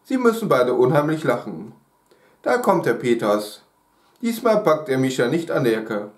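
Calm man reading a children's story. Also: mid-range voice. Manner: calm, unhurried, with casual asides. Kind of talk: reading a children's book aloud. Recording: roomy echo.

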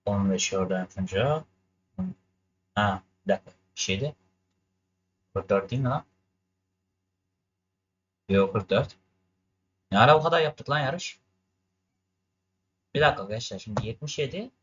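Young man, husky, gameplay commentary, frustrated ranting, dull lo-fi recording. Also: mid-range voice, a bit bright. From Turkey. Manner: frustrated ranting at the game, swearing, talking to viewers. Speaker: gaming streamer.

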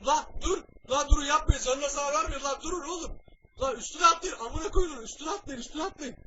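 A high-voiced, bossy cartoon hero played by a man in a comedy parody dub. He is scatterbrained and crude, swinging between slangy muttering and blurted orders. The audio is dull and lo-fi. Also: quick pace, noisy background. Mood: panicked, pleading.

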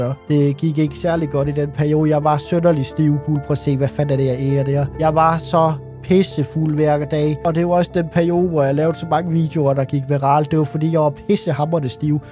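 A man's voice: on the high side, mellow. A man reacting to memes about himself in a casual, crude comedic rant, swearing and rambling as he jokes. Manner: swears a lot, rambling, joking.

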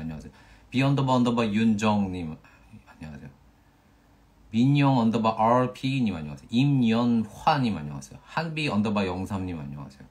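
A young man in his twenties casually chatting on a phone livestream, playfully reading out viewer usernames and joking when he stumbles over them. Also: sits low. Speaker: actor hosting a fan livestream.

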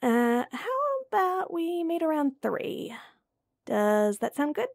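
A voice actress performs a young woman in an audio roleplay who teases her childhood friend while concealing a crush, shifting between whispered inner thoughts and playful banter. Her voice is high, sing-song, creaky and a little mellow, delivered slowly as a full character voice in a mood of playful teasing.

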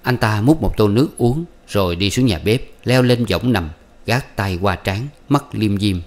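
Lower-voiced male audiobook narrator. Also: normal speed. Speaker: audiobook reader. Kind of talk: scripted narration of a classic novel.

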